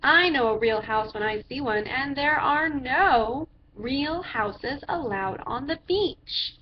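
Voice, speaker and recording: Female reader as blustering picture-book judge: high pitch, emphatic, scoffing; lo-fi recording with noise. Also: expressive. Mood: scoffing, indignant. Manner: scoffing, emphatic, drawn-out commands. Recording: dull lo-fi sound with background noise.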